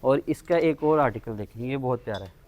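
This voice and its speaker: A man presenting shop stock in an informal sales pitch, with repetitive patter about prices and items. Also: brisk, a little mellow. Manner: repetitive selling patter, repeating prices and checking phrases. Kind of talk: informal sales pitch in a product showcase video.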